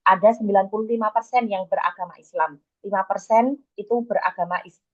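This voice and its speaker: A woman's voice: medium pitch, fairly even intonation, brisk, dull audio. A woman answering an examiner politely in a formal online seminar, her call audio breaking up and cutting out. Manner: polite, deferential, with hesitant fillers. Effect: choppy online call audio breaking up. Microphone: video call.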